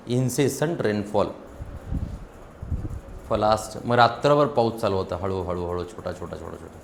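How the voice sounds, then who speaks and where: A man teaching public speaking to a seated audience, animated and emphatic, showing how to speak loud and slow. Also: fairly low pitch, slight background noise. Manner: animated and emphatic, demonstrating loud and soft delivery. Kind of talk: motivational classroom lecture.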